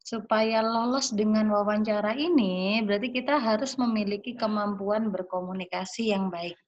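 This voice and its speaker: A woman's voice: mid-range voice, steady tone, normal speed, dull audio. A woman lecturer talking her students through slides in a chatty way, with many fillers and tag questions.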